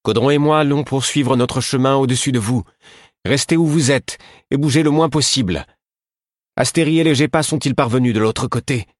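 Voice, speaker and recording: A man's voice: medium pitch, normal speed, no room sound, clean studio sound, voice pushed up, natural voice. A man voicing a brave, commanding queen in an audiobook, calling out urgent instructions. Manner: urgent, directive calls.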